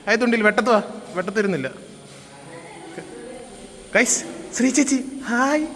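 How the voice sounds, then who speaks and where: A man's voice: very high-pitched, normal speed, sharp tone. A young man casually vlogging a trip with his friends, teasing them and introducing each one to a handheld camera. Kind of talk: casual travel vlog with friends. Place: among a group on a road trip, by a bus. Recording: busy group chatter around.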